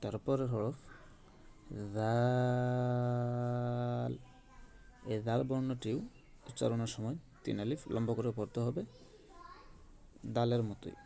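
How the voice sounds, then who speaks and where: A man teaching Quran recitation in a slow, patient lesson, drawing out each demonstrated letter. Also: mid-range voice, steady tone, vocal fry, warm tone, a little hiss or hum.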